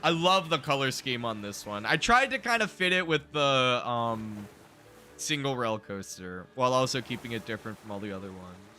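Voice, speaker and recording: A man doing casual, excitable gameplay commentary, joking and swearing freely as he tours his theme park. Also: medium pitch, normal speed, slight background noise. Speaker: streamer showing a theme park build.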